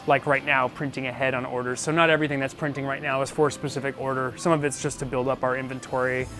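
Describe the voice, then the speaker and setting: A man's voice: mid-range voice, flat delivery, fast talker, a bit bright, soft background music. A man giving an informal walk-through tour of his business, thinking aloud in a casual, self-deprecating way. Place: indoors, small business office and print shop.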